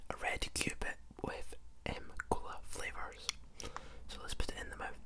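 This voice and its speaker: Reading aloud at a table indoors, a man with a slight cold hosts an ASMR video. His slow, croaky whisper stays soft, unvoiced and unhurried.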